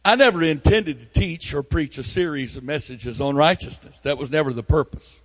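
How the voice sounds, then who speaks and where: An older man, a pastor, preaching a sermon with earnest, repetitive storytelling that builds from hushed tones to near-shouting. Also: on the high side, normal speed.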